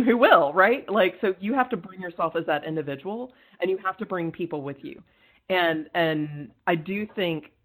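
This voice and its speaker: Earnest, energetic woman podcast guest. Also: fairly low pitch, poor audio. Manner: energetic, earnest, quick to laugh. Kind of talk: casual interview conversation.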